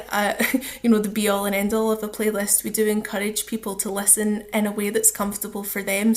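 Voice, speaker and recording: A woman who is a charity officer appears as an interview guest, explaining things earnestly and conversationally in a mid-range voice.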